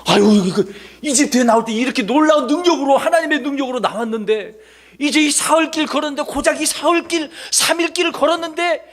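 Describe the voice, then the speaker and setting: A man voicing a worn-out male leader who complains, in a whiny, fretful way, that his people cannot endure even three days. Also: extremely high pitch, fast, pitched above the performer's own voice. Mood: exasperated.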